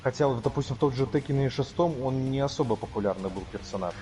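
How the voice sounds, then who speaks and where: A man chatting casually as a co-player, with hesitant, halting phrasing and game music behind him. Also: mid-range voice, dark tone. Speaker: gamer, co-player. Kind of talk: casual gaming chat.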